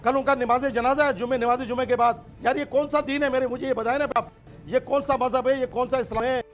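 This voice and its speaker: A middle-aged man in a heated television debate, his voice pitched very high as he talks over others. He hammers the same rhetorical questions again and again, angry and relentless. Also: fairly even intonation, brisk, soft background music. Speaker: political party guest.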